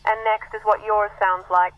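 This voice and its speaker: A man's voice: high-pitched, flat delivery, moderate pace. A man heard over a radio transmission, explaining what a sound sample is. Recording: muffled, distant radio audio.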